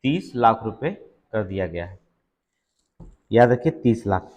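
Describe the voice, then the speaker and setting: A man's voice: lowish voice, expressive, a little slow, a little mellow. Man teaching exam quiz, repeats answers. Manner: reads questions then repeats answers, many "theek hai" checks. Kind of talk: exam-prep quiz lesson.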